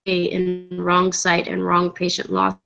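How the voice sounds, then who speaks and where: A woman's voice: fairly low pitch, completely flat delivery, slow, vocal fry, sharp tone, highs cut off, faint music behind. Woman on a glitching, breaking-up call. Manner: reads task text aloud, then talks it through. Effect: glitching, breaking-up call audio. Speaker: student in a group study call. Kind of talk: casual chat over a video call. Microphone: video call.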